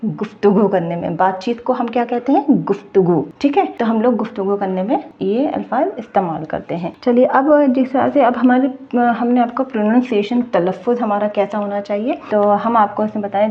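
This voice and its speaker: A woman teaching an online Urdu lesson, patiently repeating words slowly, with many fillers. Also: mid-range voice, dull audio.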